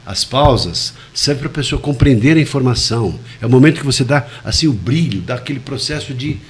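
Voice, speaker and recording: A man, a communication expert, explaining in a web radio interview, shifting his volume and pitch to illustrate his points and enunciating each syllable with care. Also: expressive. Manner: deliberate, careful enunciation.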